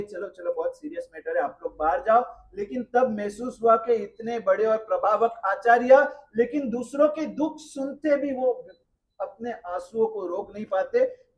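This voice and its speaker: A man telling stories in a sermon at a memorial gathering. He asks the listeners rhetorical questions and swings between loud and soft delivery. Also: high voice, poor audio. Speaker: religious speaker at a memorial gathering. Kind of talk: sermon storytelling.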